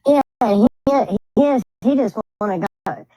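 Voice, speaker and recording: A woman chatting on a livestream in an animated, profane, slangy way. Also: fairly high pitch, unhurried, no room sound, low-quality recording. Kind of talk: casual livestream chat.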